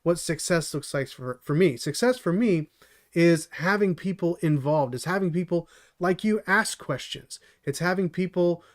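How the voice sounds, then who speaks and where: Middle-aged male host, slightly high voice, earnest rambling mentor talk, dry throat. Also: normal speed. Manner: earnest and rambling, many restarts and fillers. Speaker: channel host and developer mentor. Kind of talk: solo live stream talk.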